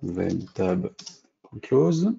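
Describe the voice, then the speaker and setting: A French man with a low, gravelly, dark voice walks through a coding tutorial, thinking aloud with frequent hesitations and restarts. The audio is dull and lo-fi, with mouse clicks behind him. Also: sing-song, extremely slow. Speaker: programming instructor. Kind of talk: screen-recorded coding tutorial.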